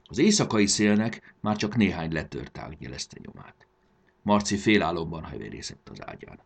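A man narrating a children's story in a gentle, expressive reading. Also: low-pitched, gravelly, husky.

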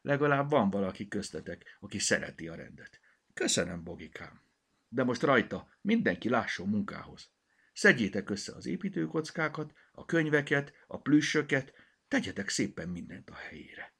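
A man's voice: medium pitch, big pitch swings, gravelly, fairly bright tone, slightly rough, voice pushed up, exaggerated voice. A man voicing a kindergarten teacher who exclaims and gives orders. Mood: bossy. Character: kind kindergarten teacher, woman.

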